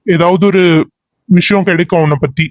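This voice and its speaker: A man's voice: sits high, steady tone, moderate pace, no echo, lo-fi sound, close to an everyday voice. A man voicing a young man in a cartoon serial who plans a search and reassures the others. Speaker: cartoon character.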